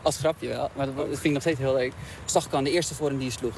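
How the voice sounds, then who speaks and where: A man's voice: medium pitch, steady tone, fast talker, vocal fry, a little mellow, slight background noise. A man on location at a tennis court, asking his old friends direct, probing questions. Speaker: documentary maker interviewing old friends. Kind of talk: on-location conversation.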